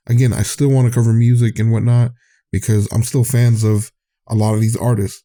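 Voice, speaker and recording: Speaking at a normal speed in a level, mellow mid-range voice, a podcast host rambles candidly through a casual monologue. He keeps trailing off and restarting, and he begins to sound tired.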